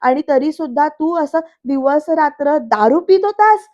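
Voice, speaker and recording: A woman's voice: sits high, lively intonation, unhurried, warm tone, dull audio. A woman voicing an angry, worried young woman who scolds her brother in a heated way. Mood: scolding.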